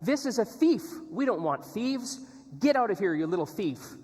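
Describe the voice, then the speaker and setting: A man voicing an angry male restaurant owner who yells harshly at a child, heard in a church hall with long reverb. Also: high-pitched, sing-song, normal speed, voice pushed up. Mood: angry yelling. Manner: yelling, harsh.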